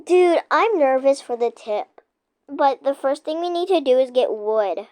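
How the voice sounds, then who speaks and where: A woman's voice: high-pitched, lively intonation, a little slow, darkish tone, no room sound. A young girl hosting a casual gameplay video, chatting with a friend and talking to viewers as "guys", giggly and chatty. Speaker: gaming channel host.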